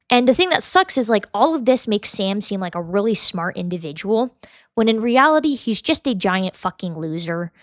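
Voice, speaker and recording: A young woman hosts a podcast in a casual, blunt style, swearing freely and breaking into short mocking impressions. Her voice sits at a middle pitch. The sound is dry and close, with no room echo. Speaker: podcast host. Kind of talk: casual commentary.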